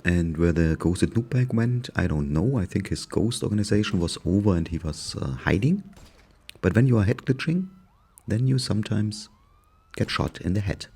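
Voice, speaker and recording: A man's voice: on the low side, expressive, moderate pace, gravelly, darkish tone, husky. A man with a German accent narrating his gameplay in a dry, sarcastic, amused way. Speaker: gaming YouTuber narrating gameplay. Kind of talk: casual gameplay commentary.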